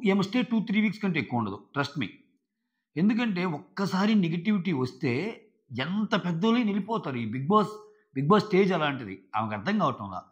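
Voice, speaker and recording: A man's voice: high-pitched, dull audio. A man reviewing a reality show episode, talking emphatically and arguing his points with rhetorical questions.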